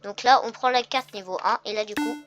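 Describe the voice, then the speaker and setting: A woman's voice: mid-range voice, brisk. A woman hosting a gaming video, commenting casually and thinking aloud as she tests things in the game. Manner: chatty, thinking aloud with fillers. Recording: game music playing behind.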